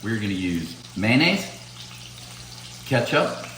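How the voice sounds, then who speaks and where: Middle-aged man, low voice, laid-back, dry humor, roomy echoey kitchen. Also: big pitch swings, slow, a bit bright, slight background noise. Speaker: host's father. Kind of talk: casual storytelling and cooking chat. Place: home kitchen.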